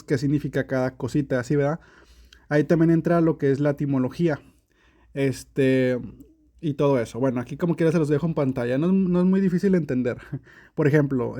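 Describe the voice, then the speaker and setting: A man explaining a language lesson in a casual, chatty way, with many fillers and soft laughs. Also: a little high. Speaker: English teacher.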